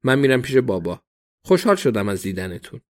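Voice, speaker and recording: A guarded former boxer dodges questions with short, clipped replies, as a male narrator reads him. The voice sits at an ordinary middle pitch and stays close to the reader's own. It sounds like a plainly read storybook. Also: very animated, natural voice. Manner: curt, deflecting replies.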